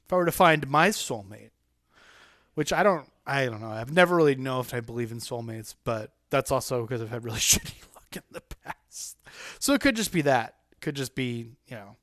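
A man hosting a podcast, chatting casually in a rambling, animated way that often stops and restarts mid-sentence. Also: medium pitch, normal speed, no echo, clean studio sound. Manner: rambling, self-interrupting, animated. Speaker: podcast host. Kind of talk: casual chat.

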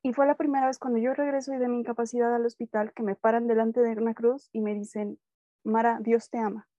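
Animated young Mexican woman, mellow tone. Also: fairly high pitch, fast, no echo, highs cut off. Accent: Mexican Spanish. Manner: animated storytelling, acts out dialogue. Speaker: guest sharing testimony. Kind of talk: personal faith testimony, casual chat.

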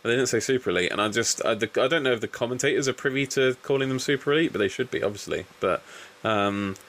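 A man's voice: mid-range voice, fast, a bit bright. A man hosting a casual podcast, recapping a wrestling show with swearing and rambling asides. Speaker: podcast host.

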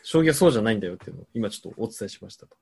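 A young adult man hosting a casual comedy chat, reading out listener answers and spinning playful, deadpan absurd riffs. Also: on the low side, rapid-fire, creaky, husky. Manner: playful, riffing on jokes with deadpan absurd claims.

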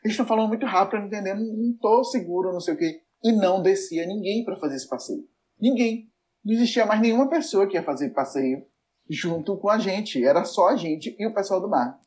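A man with a Brazilian accent telling a story in a casual chat, animated and laughing often as he acts out the dialogue. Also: high-pitched, fast.

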